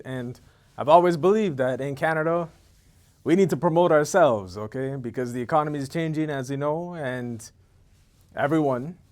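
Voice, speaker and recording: A man's voice: mid-range voice, a little mellow. A man in his thirties from Ethiopia, talking casually to camera to promote a networking event. He rambles, repeats himself and keeps checking in with "okay?". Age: 30s. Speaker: event organizer.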